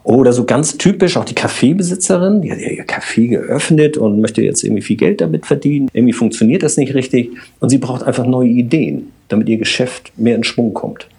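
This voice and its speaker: A man, a systemic coach and podcast guest, explaining his work calmly with everyday examples. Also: mid-range voice, a little fast, hardly any pauses, slightly rough. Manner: explains with everyday examples, addresses host directly. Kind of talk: calm explanatory conversation.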